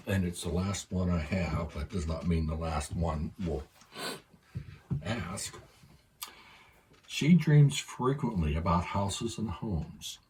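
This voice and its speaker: A man's voice: low voice, darkish tone, distant mic, slight background noise. A man hosting a channeling session, reading questions and making dry, wry remarks. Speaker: session host asking questions. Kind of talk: casual chat.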